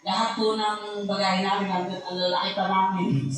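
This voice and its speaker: A woman telling a lively, laughing story as a church testimony, speaking politely. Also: medium pitch. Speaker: church member giving testimony. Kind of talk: testimony in worship service. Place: church hall. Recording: very echoey hall from far off.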